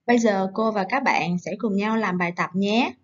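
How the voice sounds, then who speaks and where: Gentle woman teaching small children. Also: medium pitch, dull audio. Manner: gentle, coaxing, slow syllable-by-syllable dictation. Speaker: primary school teacher. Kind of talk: recorded online lesson for young children.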